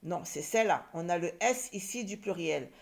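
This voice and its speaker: A woman's voice: fairly low pitch, animated, moderate pace, creaky. A woman teaching young children to read, sounding out words syllable by syllable and repeating them. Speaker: primary school teacher. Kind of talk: reading lesson for young children.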